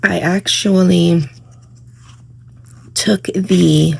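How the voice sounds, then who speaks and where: A woman vlogging casually about her planner from home, her voice hoarse in the morning, rambling with many fillers. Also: fairly low pitch, fairly even intonation, drawn-out words, a little mellow. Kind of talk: casual crafting vlog. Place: home, indoors.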